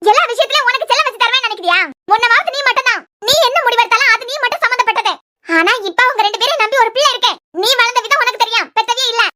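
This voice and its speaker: A voice actor playing a scolding older mother in a cartoon serial, with a Kanyakumari Tamil accent, loud and stern. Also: very high-pitched, animated, racing, full character voice.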